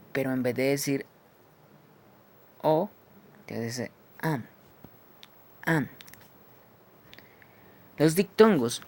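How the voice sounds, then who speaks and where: A man teaching English phonetics, who explains each symbol slowly and keeps checking with "¿sí?". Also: medium pitch, slight background noise. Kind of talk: phonetics lesson.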